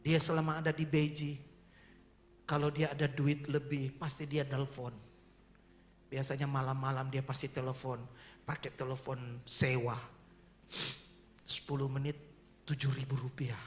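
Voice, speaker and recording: A middle-aged male pastor preaching in a church. He tells a personal testimony with deep emotion and keeps calling out to the congregation. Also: little pitch movement, moderate pace, long pauses, slight background noise. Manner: emotional, earnest storytelling that addresses the congregation directly. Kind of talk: sermon testimony.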